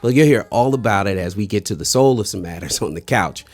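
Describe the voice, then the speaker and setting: A man hosting a relaxed interview show, upbeat and affirming, often answering with short mm-hmms. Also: on the low side, fast talker, soft background music. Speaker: host. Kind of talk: interview host chat.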